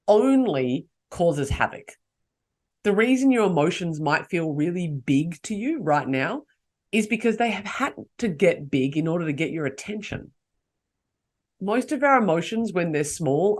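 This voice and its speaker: A woman hosting a solo podcast, coaching her listeners and asking them rhetorical questions. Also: lowish voice. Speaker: podcast host.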